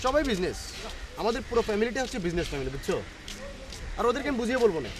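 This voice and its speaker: A man's voice: sits high, sing-song, background noise. An actor playing an evasive young man in a comedy TV drama, hurrying his answers. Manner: evasive, hurried.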